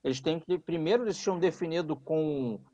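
A man talks sports over a remote call line, and the link keeps dropping so that his words break apart. His voice sits a bit high for a man. He talks in halting fragments that stop mid-word. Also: warm tone. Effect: remote connection cutting out. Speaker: remote guest commentator. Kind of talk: casual sports talk.

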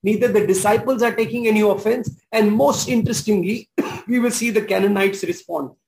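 A man's voice: high-pitched, brisk, creaky, darkish tone, rough recording. A man preaching a sermon as pastor, emphatic and repeating his key phrases with exclamations.

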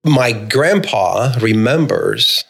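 A man's voice: medium pitch, lively intonation, extremely slow, creaky, fairly bright tone, breathy edge. A man in his fifties, born and raised in Romania, telling his story earnestly as a podcast guest. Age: 50s. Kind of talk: casual conversation.

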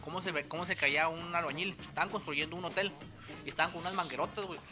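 A man's voice: fairly high pitch, fairly even intonation, fast talker, music in the background. A man with a northern Mexican accent in casual, slangy, profane banter as a show co-host. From Puerto Peñasco, northern Mexico. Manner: slangy, profane, street-talk phrasing.

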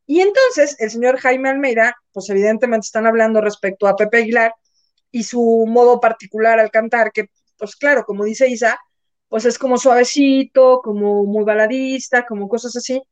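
A woman's voice: on the high side, normal speed. A Mexican woman hosting a casual gossip chat, telling stories with acted-out quotes and casual swearing. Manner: animated storyteller, acts out quotes, swears casually. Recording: slightly dull, lo-fi sound.

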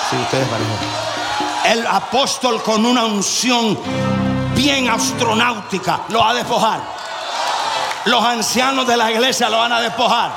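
A male preacher with a high, gravelly voice, swinging between shouted exhortation and hushed, low appeals. He is heard from a large, echoey church hall with long reverb and clear music playing behind him. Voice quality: shouts often, then drops low and quiet. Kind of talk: fervent sermon.

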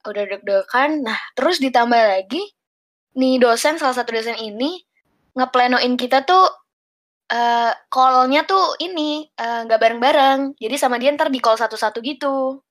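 Animated young woman telling a story on a call. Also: high voice, normal speed. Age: 20s. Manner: animated, acts out quoted voices. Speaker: student. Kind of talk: casual storytelling among friends. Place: online voice call.

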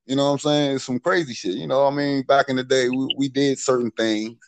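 A man's voice: mid-range voice, steady tone, fast talker, clear, resonant tone, dry recording, rough recording. A middle-aged man telling street stories in a casual, profane way, full of "you know what I'm saying.". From Maryland, USA. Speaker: podcast storyteller.

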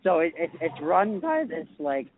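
A man chatting casually as a podcast co-host, rambling and halting with many fillers, walking outdoors in a busy city area. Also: a little high, big pitch swings. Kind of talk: casual chat. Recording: tinny phone line with faint noise.

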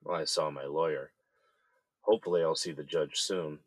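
A man's voice: a bass voice, fairly even intonation, normal speed, no echo. An actor playing a wary male inmate who talks in a curt, guarded way. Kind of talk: audio drama acting.

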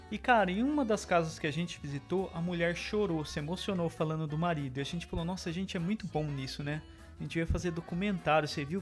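A man telling a story casually among friends, relaxed and slangy. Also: high voice.

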